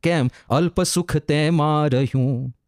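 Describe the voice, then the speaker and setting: A male monk with a fairly high voice gives a devotional sermon, slowly chanting drawn-out sung verses before explaining them with rising, emphatic, repeated phrases. The sound is close and dry, with a darkish, smooth tone and no echo.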